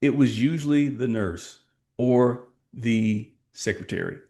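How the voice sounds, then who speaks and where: This time the same kind of speaker, a middle-aged sales coach from Texas, talks slowly with a dark, mid-range voice. His podcast answers stay emphatic and motivational, peppered with rhetorical questions.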